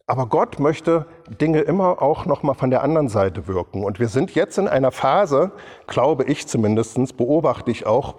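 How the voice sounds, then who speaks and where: A man's voice: mid-range voice, darkish tone. A middle-aged male pastor preaching a sermon in a loose, conversational way, with asides to the congregation. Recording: reverberant hall sound.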